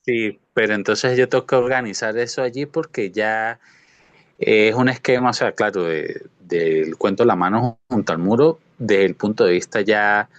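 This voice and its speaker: A man's voice: fairly low pitch, normal speed, no echo, dull audio. A man, a graduate student speaking earnestly to his professor, hedging with many fillers.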